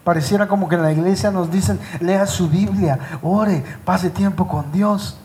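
A pastor preaching a live sermon to his congregation in church. He slows down and stresses his words when he reads scripture, and he speaks directly to the people in front of him. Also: high-pitched, warm tone.

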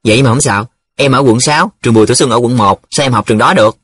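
A man voicing a blunt, skeptical young male student who scoffs at his friends, with a husky voice. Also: medium pitch, rapid-fire, a bit bright, no echo. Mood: questioning.

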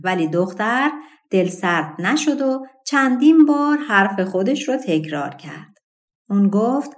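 A woman narrating a folk tale audiobook in an expressive, measured way. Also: mid-range voice. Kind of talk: storybook narration.

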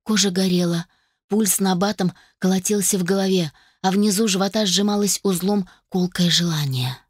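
A woman reading a first-person novel aloud as an audiobook narrator, in an even, steady manner. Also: mid-range voice, dry recording, studio quality.

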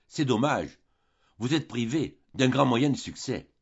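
An affected society countess chatters in a brisk, falsely light tone, voiced by a man. His voice is lifted noticeably above his own low register and stays a little husky. The audiobook recording has a slightly dull sound. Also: lively intonation. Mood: falsely breezy.

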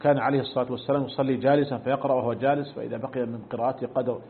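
Fast-talking sheikh, tinny lo-fi lesson. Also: male voice, mid-range voice, flat delivery, slight background noise. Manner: explanatory, repeats and demonstrates pronunciations. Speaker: sheikh teaching a fiqh text. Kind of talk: recorded religious lesson. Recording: tinny phone-like lesson recording.

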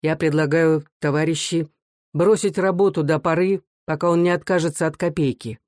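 A reader voicing a young worker who speaks loudly and firmly for his comrades. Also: medium pitch, fairly even intonation, moderate pace, no echo, studio quality, natural voice. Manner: loud, firm and plain-spoken. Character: young worker spokesman, firm and principled man. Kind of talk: audiobook character voice.

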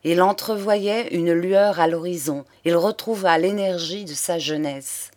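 A woman narrating a classic crime novel in a measured, expressive reading voice. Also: on the low side. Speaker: audiobook narrator.

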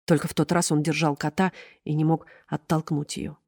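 A woman reading an audiobook in measured, ironic narration. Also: low voice, little pitch movement, darkish tone, no echo, clean studio sound. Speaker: audiobook reader. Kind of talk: scripted narration.

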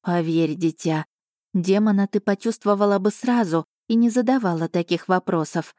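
An ancient female spirit of an island pleads in a slow, solemn audiobook voice, put on by a woman narrator. The tone is mellow and dark, recorded close and dry. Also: mid-range voice, no room sound, lightly acted. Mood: solemn pleading. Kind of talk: audiobook reading.

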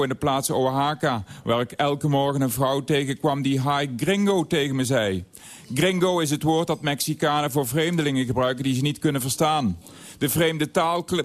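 Radio columnist, male, fairly high voice, dry wit, reading a scripted piece in a studio.

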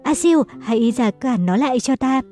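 A woman's voice: high voice, lively intonation, normal speed, warm tone, faint music behind. A woman voicing a stern elderly father who scolds and threatens his son. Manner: commanding, scolding.

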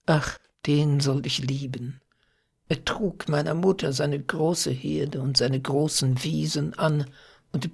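A man's voice: fairly high pitch, gravelly, breathy edge, heavily acted. A man reading as Phyllis, a tearful young shepherdess. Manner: tearful, pleading. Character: grieving young shepherdess torn by duty.

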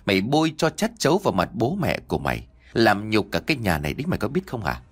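A man voicing a furious middle-aged father who berates his daughter in rapid, threatening bursts, in an audiobook reading. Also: lowish voice, lively intonation, a bit bright. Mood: enraged.

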